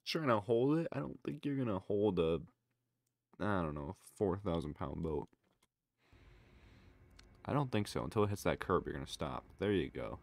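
Young man, deep voice, animated intonation, casual reaction commentary, exclamatory. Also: gravelly. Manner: loose running commentary with exclamations. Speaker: reaction video creator.

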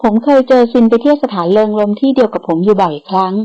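A woman's voice: mid-range voice, expressive, very fast, warm tone, lightly acted. A woman voicing a cocky young playboy grandson who stays polite while sounding smug, in a slightly dull recording.

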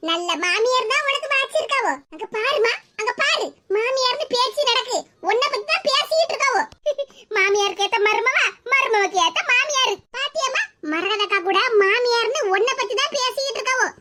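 A woman's voice: extremely high pitch, normal speed, over a noisy crowd. A woman voicing a scheming, spiteful sister-in-law in a cartoon, taunting in a Tirunelveli Tamil accent. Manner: taunting, needling. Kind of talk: cartoon voice acting. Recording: noisy cartoon audio.

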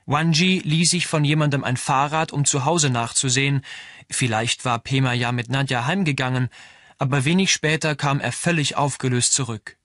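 A man reading a novel aloud as audiobook narrator, in an even storytelling delivery. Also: mid-range voice, normal speed, no room sound, clean studio sound. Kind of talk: scripted narration.

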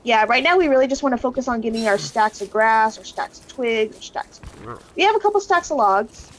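A woman's voice: fairly high pitch, animated, brisk, slight background noise, rough recording. A woman playing a co-op game, chatting, joking about herself and laying out plans. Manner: chatty, self-deprecating, plans strategy. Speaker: co-player. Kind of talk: casual gaming chat.

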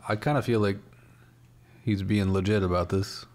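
A man's voice: lowish voice, steady tone, normal speed, a little mellow. A young man hosting a reaction video, swearing and blurting out jumpy exclamations as he watches. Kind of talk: casual live reaction commentary.

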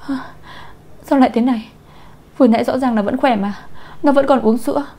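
A woman's voice: mid-range voice, steady tone, fast talker, dark tone, natural voice. A woman voicing a timid young nanny who talks politely and gets flustered. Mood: panicked.

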